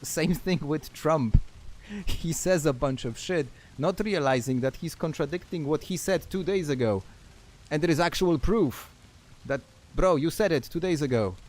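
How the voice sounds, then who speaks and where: A man's voice: fairly high pitch, normal speed, a little mellow. A man from Poland chatting casually with viewers while streaming a game, laughing often and trailing off mid-thought. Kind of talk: casual chat while gaming.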